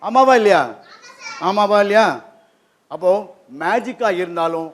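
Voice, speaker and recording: A man giving an interactive lesson to children in a library hall, keeping them engaged with quick questions. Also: high voice, slight background noise. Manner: lively, keeps quizzing the audience with quick questions. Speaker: guest presenter at a children's program.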